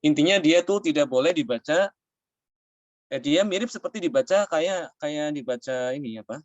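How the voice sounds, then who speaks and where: A man teaching the rules of Quran recitation, explaining patiently and slowing down to demonstrate words. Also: on the high side, lively intonation, dry recording, muffled recording. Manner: explains patiently, often adding "ya". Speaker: tajwid teacher.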